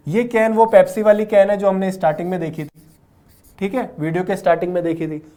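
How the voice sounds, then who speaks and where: A man's voice: high voice, darkish tone. A young man teaching vocabulary in a classroom lecture, explaining word roots patiently and often checking with "okay?", with English words mixed into his Hindi.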